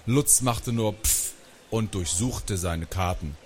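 A man reading a children's book aloud with expressive storytelling. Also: fairly low pitch, takes it slowly, faint music behind. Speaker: reader.

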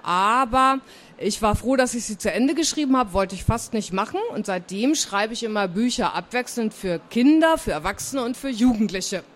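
A woman's voice: a little high, lively intonation, normal speed. Woman from northern Germany, children's author, simple and friendly talk to kids. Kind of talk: author talk and reading to a live audience.

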